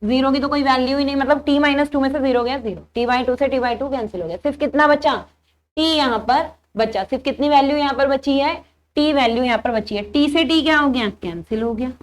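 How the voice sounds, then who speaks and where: High-voiced woman lecturing step by step. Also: fairly quick. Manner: explains step by step, asking and answering her own questions. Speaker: teacher. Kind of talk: engineering lecture.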